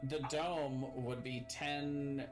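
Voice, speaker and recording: Medium-pitched man playing a tabletop game. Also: steady tone, slow pace, over music. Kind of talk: casual game chat.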